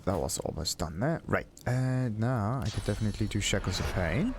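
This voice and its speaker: A gaming video host with a lowish voice and lively intonation talks at a normal speed, thinking aloud to himself in casual let's play commentary. Video game music plays behind him, and the background is noisy.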